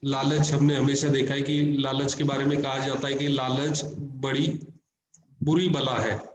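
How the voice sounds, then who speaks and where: A man's voice: mid-range voice, flat delivery, measured pace, a little hiss or hum. A man teaching financial planning over an online call. He explains each point several times in different words, and his voice comes through echoing and smeared. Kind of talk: online lecture. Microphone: video call.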